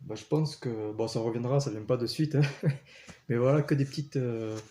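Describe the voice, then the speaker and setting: A man's voice: mid-range voice, normal speed, warm tone. A man casually telling personal stories, earnest, with many fillers and restarts. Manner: earnest, storytelling. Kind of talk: casual spoken testimony.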